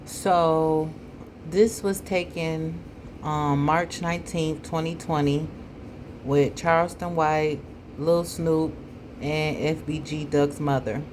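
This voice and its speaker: Opinionated female commentator, critical, deep-pitched and slow, some background noise. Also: steady tone. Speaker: commentator reacting to a video. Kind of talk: spoken commentary.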